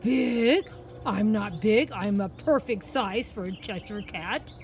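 A woman's voice: medium pitch, slow pace, darkish tone, natural voice. A woman voicing a big, boastful, teasing Cheshire Cat in a children's story, full of emphatic questions. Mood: indignant, teasing. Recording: outdoor ambient noise, faint.

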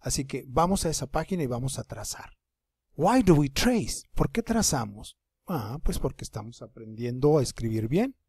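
A man teaching first graders in an online lesson, patient and slow, repeating each word for young learners at his computer. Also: mid-range voice, sing-song, darkish tone, breathy edge, dry recording, clean studio sound. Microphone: computer microphone.

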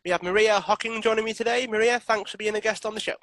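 A man's voice: sits high, steady tone, fast talker, fairly bright tone, dry recording, rough recording. A man hosting a podcast, introducing his guest and asking eager questions. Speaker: podcast host. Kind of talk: podcast interview.

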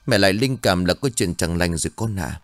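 A man's voice: low voice, animated, fairly quick, no echo. Man putting on a frightened old village mother. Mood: anxious. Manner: trembling, wailing pleas.

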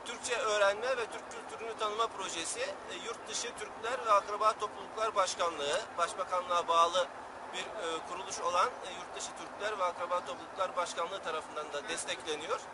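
A high-voiced man speaks as a group leader in an outdoor interview. He phrases things in a measured, hesitant way, with clear street and vehicle noise around him. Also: fairly even intonation. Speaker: group leader of a student programme. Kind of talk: on-camera interview explanation. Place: outdoors in a sunny town square.

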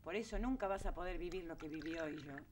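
A woman's voice: fairly low pitch, fast, slight background noise, natural voice. An actress playing a fiery working-class mother, a former factory girl, speaking with a Rioplatense accent and often near tears. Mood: bitter. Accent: Rioplatense Spanish. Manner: emotional, exclaiming, voice breaking into tears. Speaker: actress in TV drama. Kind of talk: 1970s TV drama acting.

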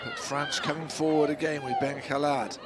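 High-voiced male football commentator. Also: level tone, normal speed. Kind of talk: live match commentary. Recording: loud crowd and outdoor stadium noise.

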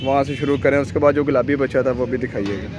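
Male market vlogger, brisk and upbeat, recorded outdoors amid crowd and traffic noise. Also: mid-range voice. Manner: brisk, repeats prices back, upbeat sales patter. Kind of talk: casual on-the-spot market walkthrough.

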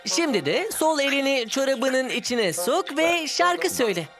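A woman voicing a clever young frost boy in a cartoon dub, coaxing and quick-witted. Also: sits high, lively intonation. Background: music.

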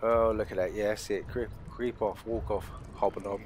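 A man's voice: lowish voice, steady tone, normal speed, background noise. A man with a British accent giving casual, slangy, sweary game commentary, addressing his viewers with joking threats. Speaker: gamer playing a horror game. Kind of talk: casual let's play commentary. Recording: faint game ambience behind voice. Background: horror game ambience.

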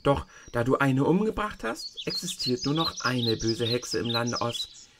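A man reading a storybook aloud and voicing a tiny, kindly old woman who is the good witch, softly and higher than his own voice. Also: sing-song, a little slow, heavy background noise. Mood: gentle. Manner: soft, gentle storyteller voice raised higher.

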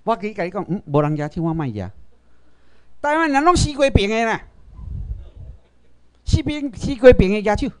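A man's voice: extremely high pitch, very animated, moderate pace, pauses often, smooth. A man with a Taiwanese accent gives a political lecture to a class, firing rhetorical questions and asking the audience to raise hands.

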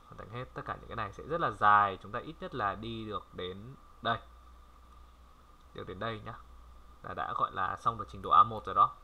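A man from Vietnam giving a casual language lesson, chatty and repeating words slowly for viewers to copy. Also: on the low side, creaky, lo-fi sound, a little hiss or hum. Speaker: French language tutor. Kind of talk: casual screen-recorded lesson.

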